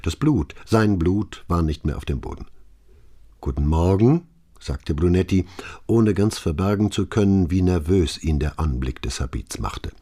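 Male audiobook narrator: very low, dark voice, husky texture, lively reading. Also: moderate pace. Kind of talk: scripted narration.

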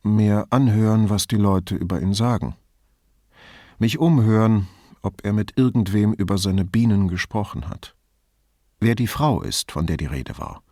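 A reflective middle-aged police commissioner, as a male reader plays him in an audiobook. He speaks in a measured, thoughtful way, in a slightly low voice. The recording is dry and close. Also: mellow, no echo, lightly acted. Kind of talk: audiobook character reading.

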